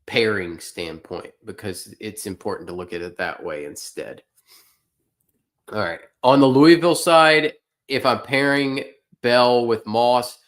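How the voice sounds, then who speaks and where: A man's voice: lowish voice, a bit bright. Opinionated man hosting a sports stream. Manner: loose, opinionated, talks to chat. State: yawning, tired. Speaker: fantasy sports livestream host. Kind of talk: casual livestream analysis.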